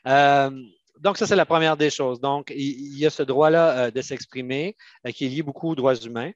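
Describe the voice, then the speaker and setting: A Canadian union adviser with a Quebec French accent answers questions on an online panel, explaining things methodically and haltingly. His voice is mid-range, and the lo-fi recording has no room sound.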